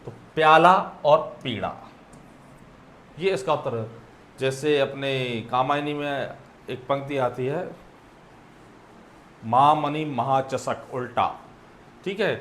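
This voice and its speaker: A man teaching an exam solution lecture, his voice sitting a little higher than most men's. He keeps asking questions and answering them himself, with the odd throat-clear. A faint hum of background noise runs under his voice. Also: fairly bright tone, reverberant. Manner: explanatory, asks and answers his own questions; clears throat and coughs now and then.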